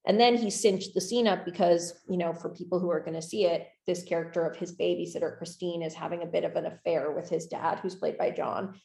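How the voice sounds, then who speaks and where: A young adult woman, the filmmaker behind her film, speaks briskly with almost no pauses in a fairly low, dark, steady voice with vocal fry. The room is echoey, and her casual, enthusiastic talk about the filmmaking rambles along with plenty of fillers.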